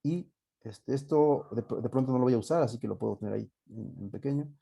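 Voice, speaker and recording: Mexican guy teaching an online class, middle pitch, warm mellow voice, casual, lots of "este" and side jokes. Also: fairly quick, creaky, husky. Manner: casual, thinking aloud with many fillers and joking asides. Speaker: university teacher. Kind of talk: live online class lecture.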